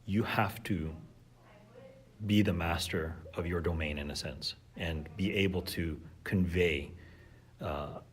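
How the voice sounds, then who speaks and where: Earnest and thoughtful, a teacher talks reflectively as a podcast guest in a slow, low-pitched voice. He often uses fillers and restarts his thoughts in this conversational exchange.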